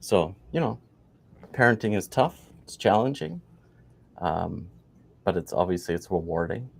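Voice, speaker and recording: A man's voice: low voice, sing-song, measured pace, vocal fry, breathy edge. A Canadian man in his forties, a podcast guest, telling his story in a loose, rambling way full of fillers and restarts. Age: 40s. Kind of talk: casual interview chat.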